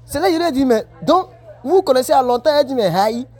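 This is a very high-pitched man talking fast. On a break from work, the Ivorian vlogger reacts to comments in a casual but preachy way, staying animated and repetitive throughout.

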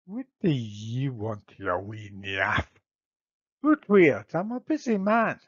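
A man doing a gruff Scottish brawling king. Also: medium pitch, big pitch swings, slow, no room sound. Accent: put-on Scottish. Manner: gruff, threatening. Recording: slightly muffled dry recording.

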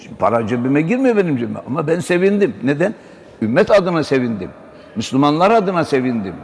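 A man's voice: a little high, big pitch swings, fast, gravelly, darkish tone. An older man giving an exhortative religious talk, often calling his listeners brother. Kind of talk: religious sermon-style talk. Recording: long hall reverb, faint background noise.

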